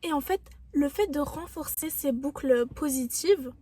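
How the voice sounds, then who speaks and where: A young woman vlogger speaks directly to her viewers, offering motivational self-help advice in an earnest, reflective, consistently encouraging tone. Her voice is high, soft and mellow, and she talks a little slowly.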